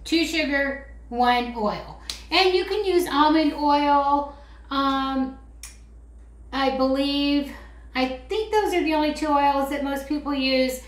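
A woman's voice: high voice, slow pace. A woman vlogger chatting casually while making a craft, rambling and teasing herself as she goes. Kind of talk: casual how-to chat. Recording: roomy echo with faint clicks.

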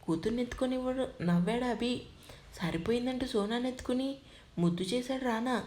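A woman narrating a drama story with a steady storytelling manner. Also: fairly high pitch, brisk, a little hiss or hum.

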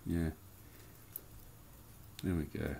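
A man's voice: a bass voice, little pitch movement, very slow, gravelly, warm tone. A man casually reviewing a collectible toy in a rambling, chatty vlog from his home beer cellar. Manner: chatty, rambling, loose slang.

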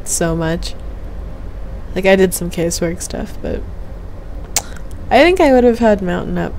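A woman's voice: lowish voice, lively intonation, a little slow, gravelly, a little mellow, slight background noise, low-quality recording. A young woman chatting casually on a game stream in a hesitant, meandering way, half muttering to herself into a headset mic. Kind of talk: casual rambling stream chat. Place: small room at home, indoors. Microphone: gaming headset mic.

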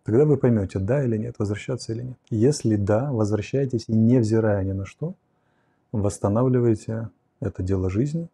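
A man in his forties lectures on philosophy during a livestream, pausing to sketch on a whiteboard as he answers questions. His voice sits low with a very dark, mellow tone and a touch of huskiness. He is close-miked on a lapel in a quiet curtained room. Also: husky. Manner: reflective, explains with a whiteboard, reads questions aloud then answers. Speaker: host answering viewer questions. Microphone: lapel mic.

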